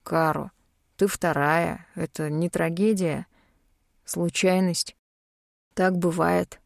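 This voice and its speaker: A woman voicing a calm young male friend who gently tries to talk her round. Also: a little high, slow, gravelly, no echo, clean studio sound. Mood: coaxing. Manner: gently persuasive.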